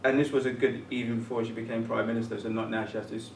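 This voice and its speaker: A guest programmer, born in England and partly raised in Ghana, speaks in a conversational discussion at a public talk event, searching for words with many ums and restarts. His medium-pitched voice is flat and rapid-fire, picked up by a distant mic in a roomy space with faint ambience and slight background noise.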